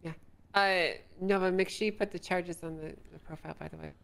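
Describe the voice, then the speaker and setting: A woman's voice: fairly low pitch, fairly even intonation, brisk, vocal fry, fairly bright tone. A woman playing a police officer, matter-of-fact and questioning, with casual swearing. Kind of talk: casual in-character conversation.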